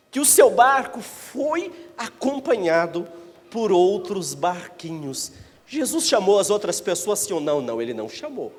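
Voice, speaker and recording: A man preaching a Pentecostal sermon as pastor, emphatic, swinging between shouted declarations and hushed asides. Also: high voice, in a large hall. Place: church.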